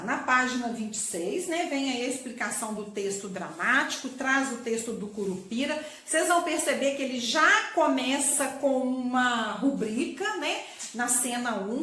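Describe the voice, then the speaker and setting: A woman's voice: a little high, a bit bright. A woman teacher giving a recorded class to young pupils, affectionate and checking in with frequent tag questions. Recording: very echoey room with faint noise.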